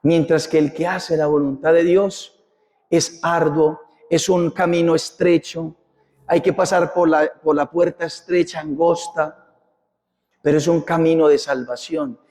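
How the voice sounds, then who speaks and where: A man's voice: a little high, steady tone, a little slow, a little mellow. A man preaching a sermon as a parish priest, impassioned and repetitive, with rhetorical questions. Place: church. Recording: long church reverb.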